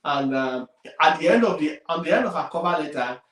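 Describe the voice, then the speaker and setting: A man's voice: on the high side, animated, brisk. Emphatic Nigerian man, roomy distant sound. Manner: emphatic, repeats key points, loudness swings widely. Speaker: career coach. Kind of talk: career advice talk.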